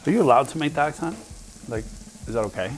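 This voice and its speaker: A man's voice: mid-range voice, lively intonation, fast, noisy background. A man in his forties chatting casually and rambling as he cooks, swearing now and then. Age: 40s. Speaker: home cook host. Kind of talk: casual cooking chat.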